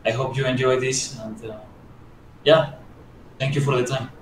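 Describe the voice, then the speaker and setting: A man's voice: mid-range voice, fairly even intonation, moderate pace. A man from Colombia, a sculptor being interviewed, who answers modestly and hesitantly with many fillers and restarts. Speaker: guest sculptor. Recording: echoey room, distant mic, faint noise.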